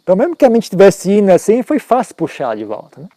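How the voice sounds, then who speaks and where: Mellow-voiced man giving a casual dharma talk. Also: high voice, huge pitch swings, racing, dry recording. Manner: conversational, frequent tag questions, self-mocking asides. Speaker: Buddhist teacher.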